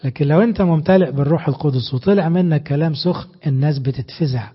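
A man preaching in an Egyptian Arabic accent, pressing his points hard and stopping to ask the congregation questions. His voice sits a little high and has a husky edge. The recording is dull and lo-fi. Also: fast. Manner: animated, emphatic preaching with rhetorical questions. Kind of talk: sermon.

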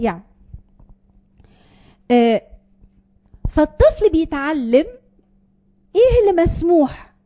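A woman's voice: high-pitched, lo-fi sound. A woman with an Egyptian Arabic accent gives a parenting advice talk to an audience, earnest and explaining, with many fillers. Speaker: parenting speaker.

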